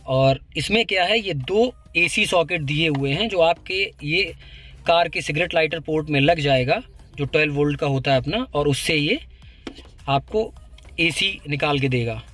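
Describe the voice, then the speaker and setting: A man's voice: fairly high pitch, normal speed, fairly bright tone. A man hosting his own channel, explaining a car gadget step by step from inside a parked car. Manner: explains step by step, points at parts. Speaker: YouTube channel host. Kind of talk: casual product demo.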